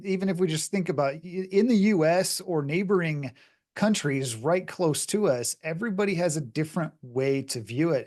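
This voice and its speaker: A man with a slightly mellow, higher-leaning voice hosts a business podcast. He introduces his guest and asks questions with upbeat emphasis.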